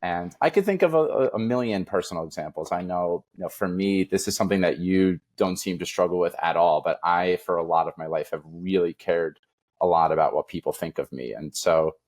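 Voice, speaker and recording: A low-voiced man hosts a podcast in a thoughtful, earnest style. He shares his examples with soft chuckles. The recording is dry and close to the mic. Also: brisk, no echo. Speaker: podcast host. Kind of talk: conversational interview.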